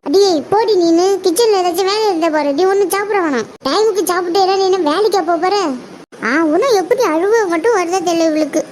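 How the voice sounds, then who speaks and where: A woman's voice: extremely high pitch, fairly quick, a little mellow. A woman voicing a bossy, nagging old mother-in-law in a cartoon, scolding shrilly. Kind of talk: cartoon voice acting. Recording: audible background noise.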